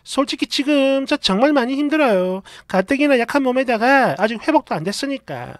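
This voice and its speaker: A woman narrating a dramatized story in an indignant, expressive way. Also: high voice, brisk, no room sound, studio quality.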